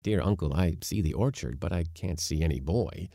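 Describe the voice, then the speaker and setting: A man's voice: low voice, lively intonation, normal speed, vocal fry, mellow, no room sound, studio quality, full character voice. A man voicing a young nephew who protests in a matter-of-fact way. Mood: protesting. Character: eager, cheeky young man, the uncle's nephew.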